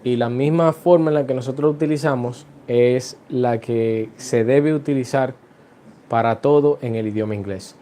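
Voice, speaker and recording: A man's voice: medium pitch, moderate pace, dark tone, a little hiss or hum. A man teaching an English lesson to Spanish speakers, switching between Spanish and English and stretching out his example sentences.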